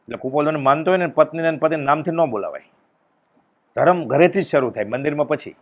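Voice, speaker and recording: A man giving a devotional discourse, telling a story and acting out its dialogue with sudden loud exclamations. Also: fairly high pitch, fast talker. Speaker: spiritual discourse speaker.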